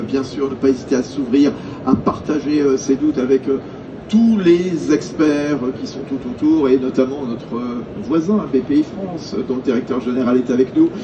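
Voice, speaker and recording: Guy hosting a stage interview, excited but umming a lot, mic far away, crowd buzz. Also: medium pitch, highs cut off. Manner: enthusiastic, halting, many fillers. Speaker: event interviewer. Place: business event main stage. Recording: distant mic, noisy event.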